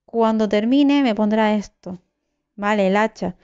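A young woman narrates her own gameplay, exclaiming and cursing as she talks to her audience. Her voice is smooth and of middling pitch. The recording has a slightly muffled, lo-fi quality. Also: unhurried. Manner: excitable, swears, talks to viewers. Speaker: gaming YouTuber. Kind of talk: live gameplay commentary.

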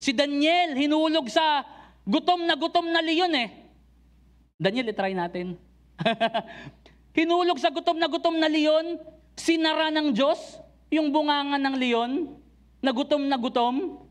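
A man with a very high voice delivers a church sermon in a mix of Tagalog and English. He talks dramatically, calls out to the congregation with constant rhetorical questions, and swings from loud urging down to low, intense emphasis. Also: unhurried, pauses often. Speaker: preacher. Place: church service.

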